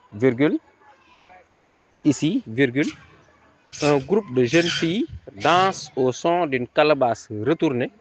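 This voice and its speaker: A man reading a dictation aloud, repeating each phrase several times and calling out the punctuation. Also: mid-range voice. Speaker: teacher giving a dictation. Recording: dull lo-fi recording.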